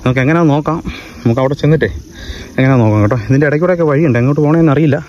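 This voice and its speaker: A travel vlogger from Kerala, India, narrates a casual vlog on an outdoor hill path, speaking Malayalam mixed with English words in a Kerala accent. His voice is on the high side and darkish in tone, and he races along. The noisy outdoor handheld recording sounds lo-fi.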